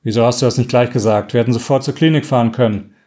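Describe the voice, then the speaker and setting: A man's voice: mid-range voice, fairly even intonation, fast talker, a little mellow, close to an everyday voice. A man voicing a distraught young woman who speaks agitated and reproachful.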